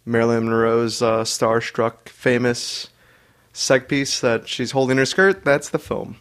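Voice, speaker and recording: A man's voice: mid-range voice, fairly even intonation, a little slow, a bit bright, smooth. A man co-hosting a film podcast, talking in a rambling, casual way with many fillers. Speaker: podcast co-host. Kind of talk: casual chat.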